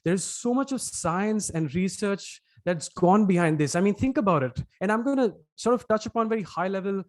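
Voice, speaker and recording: A man from Mumbai with an Indian accent, a podcast producer answering interview questions in a webinar, talking at length with many pauses and restarts. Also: sits high, no room sound, clean studio sound. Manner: thoughtful, elaborate, frequent "uh" and restarts.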